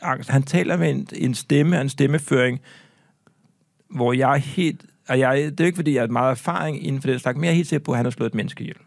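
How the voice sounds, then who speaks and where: A man's voice: mid-range voice, vocal fry, dry recording, studio quality. A man co-hosting a comedy podcast, telling a rambling story full of hesitations and acted-out voices. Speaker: podcast co-host.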